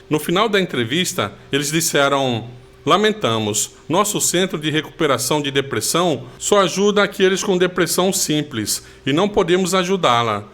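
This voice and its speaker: Man, higher-pitched speaking voice, giving a steady earnest personal testimony.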